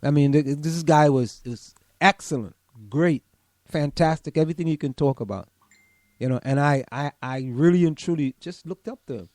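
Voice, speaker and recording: A man's voice: on the high side, moderate pace, a little mellow, dry recording. A man, a professor co-hosting an online radio show, talking emphatically and repeating words as he thinks aloud. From Trinidad and Tobago. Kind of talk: casual radio chat.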